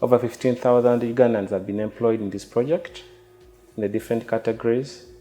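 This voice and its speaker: A man project official speaking formally and in a measured way in a documentary interview. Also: medium pitch, fairly even intonation, warm tone, soft background music.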